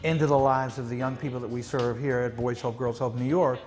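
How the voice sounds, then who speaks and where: A man of middling pitch speaks with measured conviction about the mission of his program. Soft music runs underneath. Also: steady tone. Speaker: program leader. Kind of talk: documentary interview.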